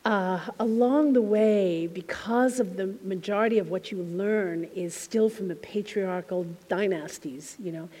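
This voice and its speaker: A woman's voice: fairly low pitch, long reverb tail. Woman minister giving a heartfelt talk. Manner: heartfelt, reflective storytelling with soft trailing phrases. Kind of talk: spiritual talk to a congregation. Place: temple hall.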